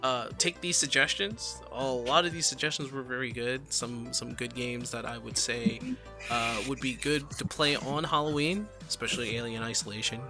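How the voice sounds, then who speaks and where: A man's voice: medium pitch, lively intonation, normal speed, gravelly, music in the background. A man hosting a casual gaming podcast, joking around and laughing often. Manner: jokey, laughs often between lines. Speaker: podcast host.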